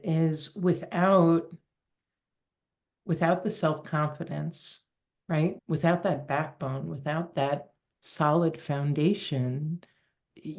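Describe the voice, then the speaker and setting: A woman hosting a podcast interview, speaking in a measured, reflective way and summing up her guest's points. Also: sits low, a little mellow. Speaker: podcast host and coach.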